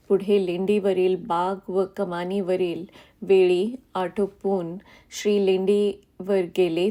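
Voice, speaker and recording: A woman reading a devotional memoir aloud at a slow, measured pace. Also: mid-range voice, dark tone. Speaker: reader.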